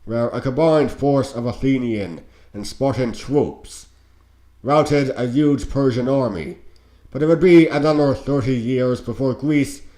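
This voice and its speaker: Slow-reading man with a stuffy nose. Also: mid-range voice, mellow. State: sick with a cold. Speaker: narrator reading on-screen educational game text. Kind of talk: scripted narration, reading aloud.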